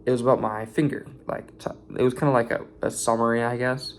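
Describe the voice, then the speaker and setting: A man's voice: medium pitch, level tone, quick pace, slight background noise. A tired young man venting in a casual vlog rant about his warehouse shift, rambling and swearing.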